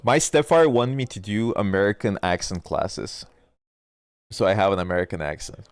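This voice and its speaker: This is casual gaming chat from a congested man who argues about competitive teams in a rambling way, frequently losing track partway through. He speaks at normal speed with a fairly low, lively voice, captured in dry studio quality.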